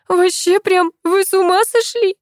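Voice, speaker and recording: A woman's voice: very high voice, steady tone, unhurried, no echo, studio quality, voice pushed up. A woman voicing a spoiled teenage girl who squeals and complains indignantly. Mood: shrieking.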